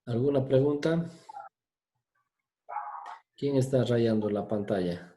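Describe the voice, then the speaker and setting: A man's voice: medium pitch, slow, mellow, slight background noise. A man teaching an online English class, patient and often asking for confirmation. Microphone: video call.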